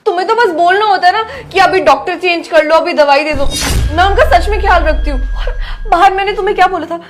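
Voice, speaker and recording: A woman's voice: extremely high pitch, a little fast. A woman playing a scheming young wife who reproaches and accuses her husband. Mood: reproachful. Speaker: actor in a web drama. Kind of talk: dramatic dialogue.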